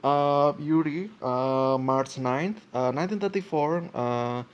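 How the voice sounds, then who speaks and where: A man's voice: on the high side, slow, smooth, lo-fi sound. A man in his twenties hosting a casual solo podcast, reading from a page and reacting as he goes, with lots of fillers and restarts. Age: 20s. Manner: hesitant, full of fillers and restarts, thinking aloud. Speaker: podcast host.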